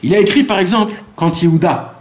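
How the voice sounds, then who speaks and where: A man's voice: high voice, animated, a little fast, a little mellow. A man, a rabbi, teaching a Torah lesson who poses rhetorical questions, answers them himself, repeats phrases for emphasis and drops in Hebrew terms. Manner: mixes Hebrew terms into his speech.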